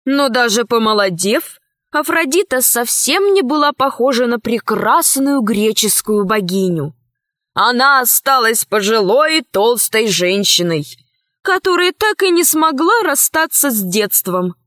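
A woman's voice: on the high side, lively intonation, unhurried, a bit bright, dry recording, clean studio sound. Woman narrating a storybook.

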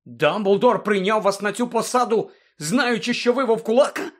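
A man doing a yelling teenage boy. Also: high voice, moderate pace, pitched above the performer's own voice. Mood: astonished. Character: hurt, frightened teenage boy, blunt. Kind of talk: audiobook character voice.

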